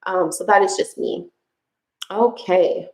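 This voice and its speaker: A young Quebec woman, a French speaker with a Quebec French accent, hosts a casual live chat as a yoga instructor, answering viewer questions chattily with frequent fillers and laughs. Her mid-range, slightly mellow voice moves slowly. The recording is low quality, in an echoey room.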